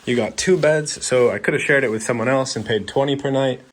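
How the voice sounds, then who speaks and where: A travel vlogger chats to the camera while strolling through old town streets outdoors, easygoing and full of fillers. His voice is medium-pitched and fairly quick.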